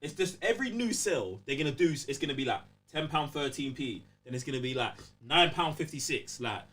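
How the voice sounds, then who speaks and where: Picked up from a distance, this London-accented podcast co-host talks fairly quickly in a slightly high, somewhat bright voice with lively intonation. He's blunt, slangy and full of exclamations in the casual gaming banter.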